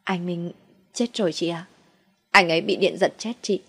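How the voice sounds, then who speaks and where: A woman's voice: on the low side, steady tone, fairly bright tone, breathy edge. A woman voicing a timid, frightened young woman. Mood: halting. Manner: hesitant, halting.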